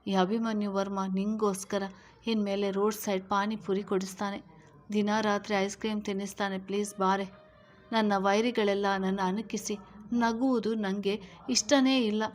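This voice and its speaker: A desperate young husband begs his wife to come back to him in soft, low-voiced pleas, read out by a woman narrator. He sounds quiet and close, his words heavy with grief. Storybook reading, medium pitch. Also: flat delivery, moderate pace, natural voice. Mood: pleading. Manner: soft pleading speech, begging.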